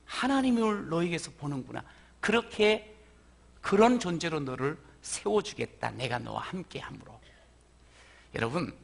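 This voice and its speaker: A middle-aged male pastor preaching a sermon in a church, moving between soft, gentle passages and loud, emphatic peaks. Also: fairly high pitch, gravelly, husky. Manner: swings from soft, hushed voicing of God's gentle words to loud, emphatic preaching. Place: church sanctuary.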